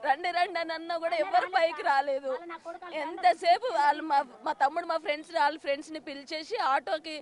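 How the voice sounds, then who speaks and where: A woman's voice: high voice, fairly even intonation, fast talker. A young woman, the victim's daughter, giving an urgent account outdoors.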